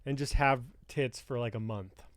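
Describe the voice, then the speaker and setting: A man's voice: mid-range voice, moderate pace, no room sound. A man co-hosting a comedy podcast, trading jokes and laughing through casual banter. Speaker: podcast co-host.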